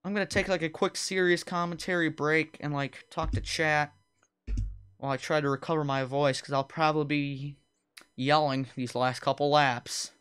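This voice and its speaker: A young man hosting and commentating a live-streamed sim racing league, chatting casually with viewers between loud, high-pitched race calls. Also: fairly even intonation, normal speed, smooth.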